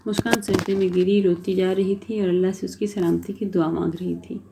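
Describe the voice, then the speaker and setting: A woman storyteller reading a romance novel aloud in a steady, dramatic manner. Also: mid-range voice, creaky, breathy edge.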